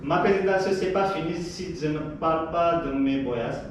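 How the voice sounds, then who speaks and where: A man with a foreign accent in French, giving an informal live presentation haltingly, repeating and searching for his words. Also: on the high side. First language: not French. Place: echoey room, presenting to a group. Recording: echoey, distant, noisy room.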